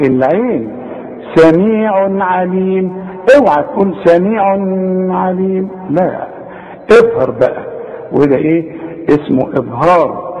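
A man with an Egyptian accent teaching Tajweed step by step, asking the listener questions and slowly chanting the example words. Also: on the high side, a little mellow. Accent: Egyptian Arabic. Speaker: Quran recitation teacher. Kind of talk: Tajweed lesson. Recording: echoey, dull old cassette recording.

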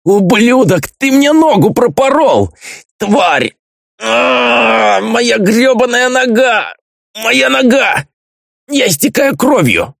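A man's voice: big pitch swings, takes it slowly, gravelly, a bit bright, dry recording, studio quality, heavily acted. A man voicing a terrified, crude male tattooist held captive, shrieking and swearing in an audiobook. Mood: screaming. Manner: shrill shrieking, swearing, sobbing.

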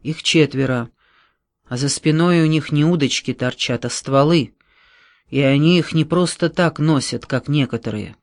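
A man voicing a gruff, angry male border guard sergeant who barks orders coarsely, read close on a dry mic. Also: a little high, normal speed, no echo, lightly acted. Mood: scornful. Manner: barking orders, coarse and exasperated.

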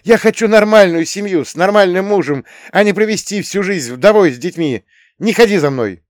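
Upset teenage girl, high shrill voice, yelling, dry close sound, played by a man. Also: fairly quick, no echo, lightly acted. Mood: furious. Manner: shouting, high-pitched. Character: upset teenage girl breaking up, tearful and angry.

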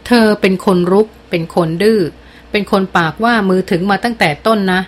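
A woman voicing an older woman who scolds and reproaches with weary exasperation, read in an audiobook at her own middle pitch. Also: a little fast, lightly acted. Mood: reproachful. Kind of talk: audiobook character voice.

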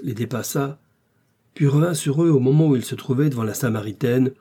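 A husky, mid-range male voice narrates a classic novel for an audiobook, telling the story in a measured, even way.

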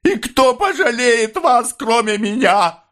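A trembling, tearful old mother pleads with her son in a high, drawn-out voice that slides widely up and down, as a male reader puts her on. The words come slowly, stretched out with feeling. It is storybook reading. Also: animated, a bit bright, exaggerated voice. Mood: anguished. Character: anxious, tender older working-class mother.

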